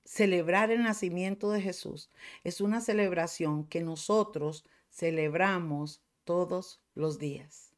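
A woman's voice: lowish voice, a little slow. A middle-aged woman pastor with a Costa Rican accent, preaching a fervent sermon to her congregation. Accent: Costa Rican Spanish. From Costa Rica.

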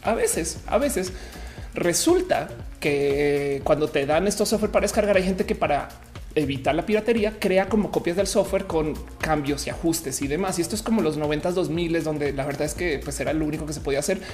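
Deep-ish lady streamer rambling to chat, playful, talking kinda slow and careful after getting wisdom teeth pulled, faint music in back. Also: darkish tone. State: recovering from wisdom teeth extraction. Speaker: livestream show host. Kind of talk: casual livestream chat to viewers.

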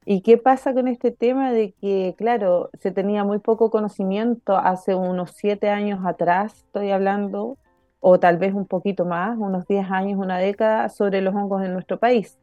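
A woman, a guest explaining her field in a measured way during an interview. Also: medium pitch, fairly even intonation, mellow, no room sound, highs cut off, faint music behind. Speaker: guest, mycologist and author. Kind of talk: interview answer.

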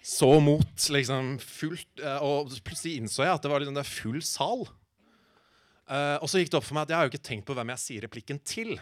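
A man telling a humorous personal anecdote in a halting, animated way, full of filler sounds and acted-out quotes. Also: a little high, dry recording, studio quality. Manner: acts out quoted lines in shifting voices.

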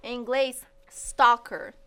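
Female host, high and cheerful, laughs easily, teacherly. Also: steady tone, slow, a bit bright, smooth. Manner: cheerful, laughs often, explains terms. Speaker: English teacher and channel host. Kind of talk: casual chat.

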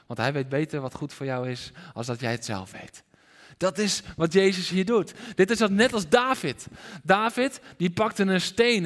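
A man preaching a sermon to a congregation in a hall, animated and questioning his listeners directly. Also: a little high. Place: church hall with congregation and livestream. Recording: reverberant hall.

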